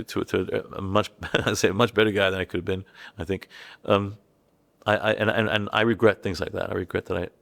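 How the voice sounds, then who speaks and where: A middle-aged man with a low, gravelly voice that drops into fry, speaking as a podcast guest. He is candid and halting, circling back over his words and stacking restarts. When he quotes his family, he slips into acting out their voices. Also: fairly bright tone. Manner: acts out family members' voices when quoting them. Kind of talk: candid personal storytelling.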